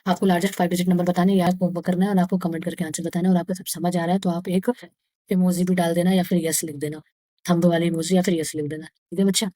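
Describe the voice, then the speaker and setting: A woman with an Indian accent teaching maths to young pupils. She reads English textbook lines slowly, then explains them again and counts aloud step by step. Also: lowish voice, little pitch movement, warm tone, dry recording. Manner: slow, deliberate reading of English textbook lines; explains each line again in Hindi. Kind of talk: casual lesson for young pupils.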